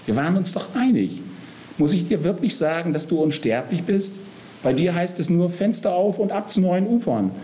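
A man's voice: mid-range voice, lively intonation, normal speed, dark tone, pitched above the performer's own voice, natural voice. A man voicing Death as a cold, menacing old man who hisses his threats in a storybook reading. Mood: indignant. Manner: hissing, threatening, sneering.

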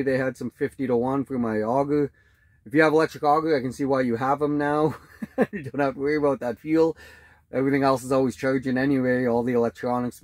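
Inside an ice fishing tent, a Canadian fishing vlogger in his forties rambles chattily to a phone camera held at arm's length, full of fillers and laughs. His voice is on the high side with a darkish tone, no echo, and poor audio.

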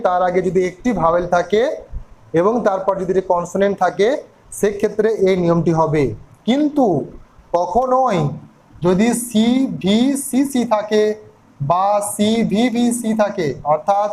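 A man's voice: sits high, darkish tone, a little hiss or hum, low-quality recording. A man teaching an English grammar lesson, spelling words out letter by letter and asking his listeners questions.

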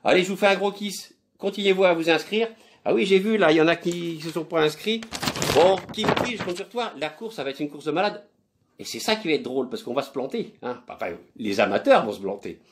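A man hosting his own online game channel, calling out participants' names in an excited, playful manner. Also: on the high side, a little fast, husky. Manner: excited, sing-song roll call of names. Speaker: channel host. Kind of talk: casual video announcement.

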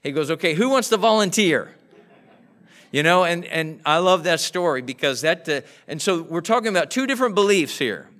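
A man's voice: a little high, lively intonation, brisk, few pauses, a bit bright. A man preaching a sermon as pastor in a church, earnest, acting out the voices in his stories. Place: church sanctuary. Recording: live church stream, voice drifting off mic.

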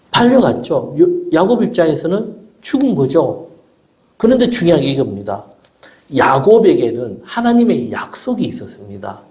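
A middle-aged male pastor delivers a sermon with a lively, swooping pitch that leaps up for questions and drops low for emphasis. His voice has a gravelly, fry-tinged edge, and he acts out little dialogues as he preaches. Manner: animated preaching with rhetorical questions, acting out dialogues with his daughter.

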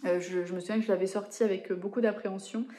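A woman's voice: medium pitch, steady tone, very fast, mellow. A woman in her thirties chatting casually to camera about books in a digressive, self-correcting way, recorded indoors in a living room. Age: 30s. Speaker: book vlogger.

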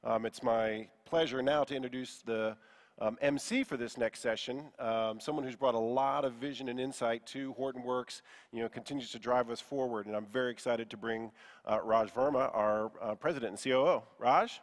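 A man's voice: mid-range voice, normal speed, big-room sound. Man hosting a conference stage. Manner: relaxed, with many fillers. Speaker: event host. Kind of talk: introducing speakers on stage. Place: large conference hall stage.

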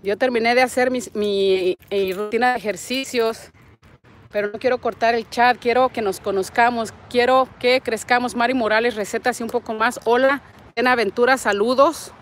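A Mexican-accented woman in her forties from Nayarit talks at normal speed in a high-side voice with fairly even intonation and a little hiss or hum. She hosts a livestream outdoors in a parking lot and on a street, affectionately greeting viewers and reading their comments. A wired earbud mic picks her up, the phone held at arm's length.

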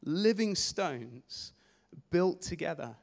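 Energetic man preaching in a church hall. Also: on the high side, slow pace, gravelly. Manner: energetic, gesturing, repeats words when starting phrases. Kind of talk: sermon. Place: church stage in a large hall. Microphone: handheld mic. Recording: long hall reverb.

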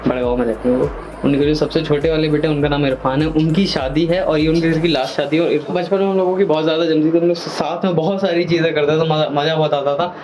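A young man in his twenties vlogs casually from his family home, speaking quickly in a fairly high, fairly even voice as he playfully tells viewers what he's doing and mixes in English words. Background music and noise can be heard behind him.

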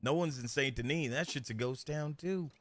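Brash, cussing roleplayer guy, mid pitch, says brother a lot. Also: moderate pace. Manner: brash, swearing, calls everyone brother. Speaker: roleplayer and streamer. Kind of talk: in-character roleplay chat.

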